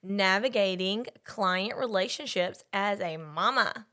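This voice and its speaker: A woman co-hosting a podcast, chatting with her co-hosts in a quick, upbeat way with laughing asides. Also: medium pitch, pushed and bright. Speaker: podcast co-host. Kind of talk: casual chat among co-hosts.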